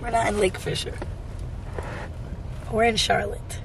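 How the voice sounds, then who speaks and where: A woman's voice: mid-range voice, level tone, unhurried, gravelly, noisy background. A young woman vlogging casually in a car and at a gas station at night. She is blunt and playful and talks straight to her viewers. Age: young adult. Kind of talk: casual chat.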